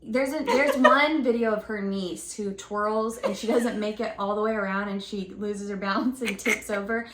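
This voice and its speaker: A young woman co-hosting a podcast, chatting casually and telling animated stories that she keeps laughing through. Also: medium pitch, normal speed. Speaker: podcast co-host. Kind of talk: casual chat. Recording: echoey room with faint noise.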